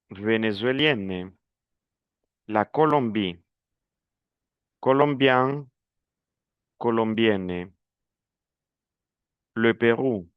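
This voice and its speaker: A man teaching a lesson, saying each word slowly and deliberately for the listener to repeat. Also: lowish voice, clear, resonant tone, no room sound, dull audio. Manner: slow, deliberate, word-by-word repetition. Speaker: French teacher. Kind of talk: pronunciation drill lesson.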